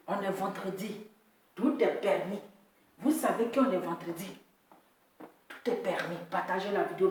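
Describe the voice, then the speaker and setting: A woman chats and teases her live-stream viewers, repeating lines and breaking into laughter. Her voice rings out in a very echoey room, a little off the mic. She talks at a plain middle pitch. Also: recorded from a distance, a little hiss or hum. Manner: repetitive, teasing, often laughing, addresses viewers directly.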